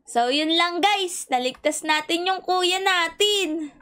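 A woman's voice: extremely high pitch, slow. A woman, cheerfully commenting while playing a game with friends. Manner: excitable, cheery, giggly. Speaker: gaming channel host.

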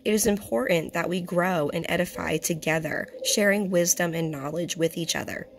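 Hoarse, gravelly young woman with a low voice. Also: moderate pace, slight background noise. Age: young adult. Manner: frequent throat clearing. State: hoarse, voice partly lost. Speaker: fellowship host and Bible teacher. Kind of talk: religious teaching talk. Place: small indoor room. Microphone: phone at arm's length.

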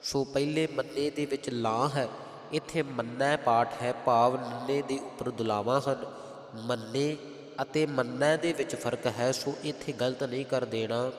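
A man with a Punjabi accent teaching careful scripture recitation, chanting verses slowly and then explaining their pronunciation. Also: mid-range voice, fairly even intonation. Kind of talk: slow, careful recitation lesson. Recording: roomy, long hall echo.

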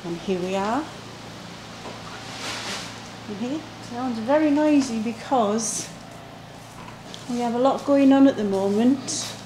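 A woman's voice: a little high, slow, long pauses, noisy background. A woman hosting a casual vlog, chatting as she films a walking tour through an old château. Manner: chatty, giving a walking tour while filming. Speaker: vlog host. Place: old château, stairs and rooms.

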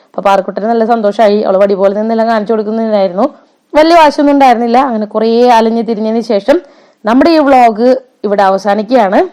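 Fast-talking chatty woman vlogger. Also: medium pitch, mellow. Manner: chatty, often adds tag words and fillers. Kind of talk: casual voice-over narration.

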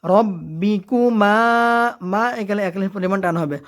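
A woman teaching tajweed. She alternates rapid spoken explanations with slow, drawn-out chanted recitation of verses. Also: medium pitch.

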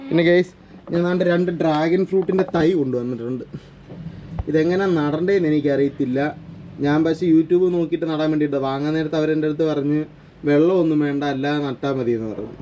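A man's voice: a little high, quick pace, warm tone, a little hiss or hum. A young man from chatting casually to his viewers in a home vlog, teasing and talkative. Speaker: vlogger. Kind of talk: casual family vlog chat.

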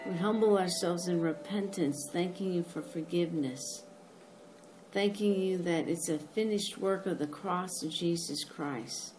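Female podcast host leading prayer; slow fervent delivery, lowish voice, music bed. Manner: slow, fervent, repeating thanks. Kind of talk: spoken prayer. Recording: music playing behind.

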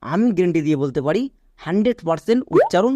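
A pronunciation teacher who spells English words out slowly, letter by letter, in an encouraging online lesson and often checks that learners are following. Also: mid-range voice, lively intonation, warm tone, dry recording, muffled recording. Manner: encouraging, asks learners quick check questions.

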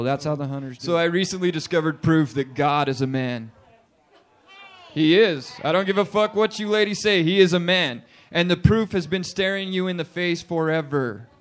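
A man doing a crude, animated stand-up routine in a bar and grill, acting out characters as he goes. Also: high voice. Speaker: stand-up comedian.

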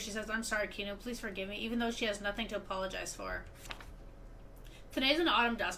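A woman reading aloud the diary of a grieving young woman, in a soft, subdued way. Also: a little high, slight background noise, pitched below the performer's own voice, low-quality recording.

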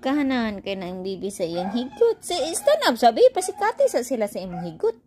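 A woman's voice: on the high side, very animated, brisk, a little mellow, slight background noise. A woman, casually chatting to her viewers and baby-talking to her pet dog. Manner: mixes Tagalog, Bisaya and English, coos baby talk to her dog. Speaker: vlogger.

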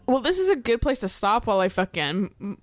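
Animated, laughing woman telling stories. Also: fairly high pitch, a little fast. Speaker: gameplay co-host. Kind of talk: casual gameplay chat and storytelling.

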